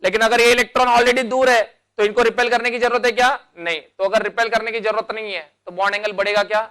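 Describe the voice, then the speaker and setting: A man's voice: sits high, steady tone, fast talker, sharp tone. A man teaching a chemistry lecture, explaining step by step and answering his own questions as he goes, with terms. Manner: calls students beta and bhai. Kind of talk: classroom lecture.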